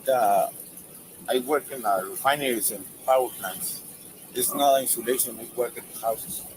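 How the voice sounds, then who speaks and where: Halting Mexican-accented man on a noisy roadside. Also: mid-range voice. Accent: Mexican Spanish. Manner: halting broken English, many restarts. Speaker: driver stopped by police. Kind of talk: roadside questioning. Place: outdoors by a roadside.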